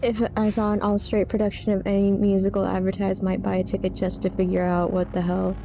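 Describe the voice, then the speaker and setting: A woman's voice: medium pitch, monotone, a little fast, creaky, warm tone, a little hiss or hum, poor audio. A woman giving casual, joking gameplay commentary as a streamer, in a playful, wry manner. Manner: playful, wry, breaks into bits of sing-song. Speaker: game streamer.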